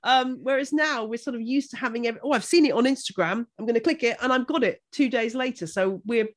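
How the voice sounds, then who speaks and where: A middle-aged woman from Buckinghamshire with a Home Counties accent, chatting informatively and enthusiastically about her expertise in an animated, emphatic way. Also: fairly high pitch, fast talker. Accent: English Home Counties. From Buckinghamshire, England. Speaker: houseplant expert and author.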